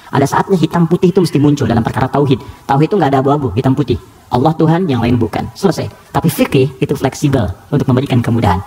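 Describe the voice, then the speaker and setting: Rapid, animated preacher man. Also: fairly high pitch, background noise. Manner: animated, rhetorical questions, acts out quotes. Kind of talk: lively sermon to a live audience.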